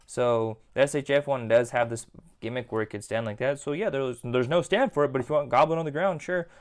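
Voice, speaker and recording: A man's voice: mid-range voice, a little fast. A man giving a casual, rambling toy review at home, leaning on filler words like "again" and "like". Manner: chatty, rambling, repeats "again" and "like".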